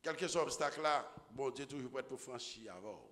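A man preaching a sermon as pastor, swinging from low murmurs to shouted exclamations. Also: animated, normal speed, a little hiss or hum. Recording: echoey hall with long reverb.

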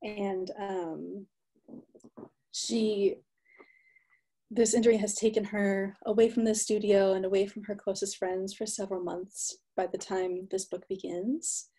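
A woman author describing her book gently and with many hesitations, on a video call. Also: medium pitch, level tone, a little slow.

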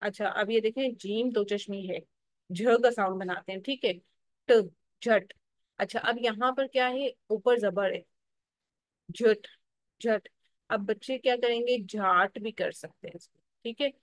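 A woman's voice: fairly high pitch, moderate pace, dry recording, rough recording. Female phonics teacher, Pakistani Urdu accent, explanatory, stretches syllables, dry close sound. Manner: explanatory, checks in with "theek hai" often. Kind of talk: teacher-training lesson.

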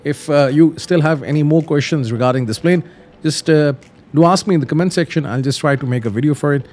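Slightly high, slightly quick and a bit mellow, the voice is that of a man hosting flight simulator tutorials. He keeps it casual, explaining each step and repeating basic directions.

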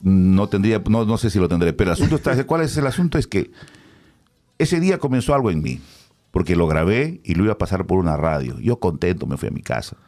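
Animated man, lively low voice. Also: quick pace. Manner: animated, expressive storyteller. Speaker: radio announcer. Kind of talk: casual storytelling conversation.

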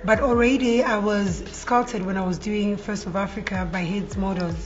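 Woman in her thirties, interview guest, relaxed storyteller, slightly muffled sound, music behind. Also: mid-range voice, normal speed. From Zambia. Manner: relaxed storytelling with fillers and yeahs. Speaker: model, guest. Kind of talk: casual interview. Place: indoor restaurant set.

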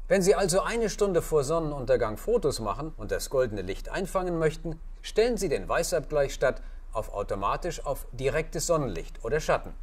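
A man's voice: on the high side, big pitch swings, moderate pace. A man narrating a scripted camera tutorial, giving formal, polite step-by-step instructions. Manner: formal, addresses listener politely.

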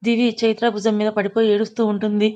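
A woman reading a serialized story aloud in steady narration. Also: mid-range voice, fast, dull audio.

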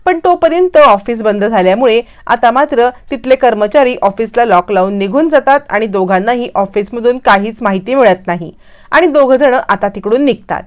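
Woman recap narrator for a TV serial, fairly high voice, brisk storyteller. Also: lively intonation. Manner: brisk storytelling with quoted dialogue. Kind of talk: scripted episode recap narration.

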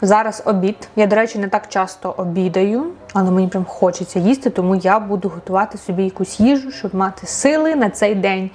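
A woman's voice: medium pitch, a little mellow, a little hiss or hum. A young woman from Ukraine, chatting playfully to the camera in a casual vlog as she walks outdoors and cooks at home. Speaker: vlogger. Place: outdoors in a park, then at home.

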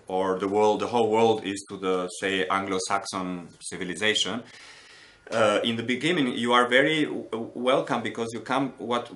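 A man from Albania with a low, bright and forceful voice, thinking aloud as he talks about his work. He halts often, restarting phrases and searching for words. He is seated in a book-lined room at home. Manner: thoughtful, halting, many restarts and fillers. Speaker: artist. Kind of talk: reflective interview monologue. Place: home studio with bookshelves, indoors.

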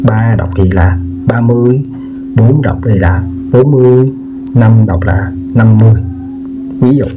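A man teaching a children's math lesson, explaining slowly, repeating himself and often checking whether the viewers have followed. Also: medium pitch. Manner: slow, repeats words and asks "được chưa?". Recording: dull lo-fi sound with guitar music behind.

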